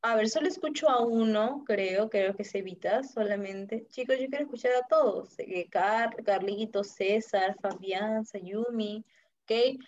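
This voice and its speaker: A woman English teacher, teaching an online class to young children and drilling words slowly and patiently for them to repeat. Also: mid-range voice, a little mellow. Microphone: computer mic on a video call. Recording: muffled video-call audio.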